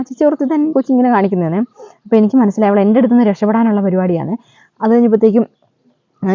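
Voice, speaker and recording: A woman's voice: mid-range voice, mellow, no echo. A woman, telling a story in a chatty vlog way and adding a friendly "you know" to her sentences. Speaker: vlogger. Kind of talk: casual storytelling. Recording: dull lo-fi dry recording.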